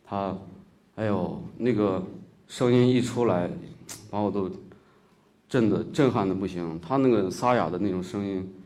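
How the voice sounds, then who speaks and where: A man from Shaanxi with a Shaanxi accent tells a personal story from a stage. His voice sits fairly low, and his talk is hesitant, broken up by frequent filler sounds. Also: normal speed, darkish tone. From Shaanxi, China. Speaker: musician giving a stage talk.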